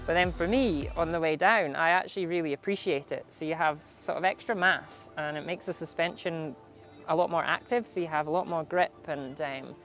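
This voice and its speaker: A man with a Highland Scottish accent speaking casually in an interview as an e-bike racer. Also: a little fast, fairly bright tone. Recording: music behind the voice.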